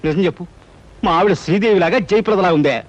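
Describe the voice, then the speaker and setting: A man's voice: high-pitched, fast talker, lo-fi sound, lightly acted. A man playing a jealous, suspicious husband who grumbles in a film comedy scene. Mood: grumbling.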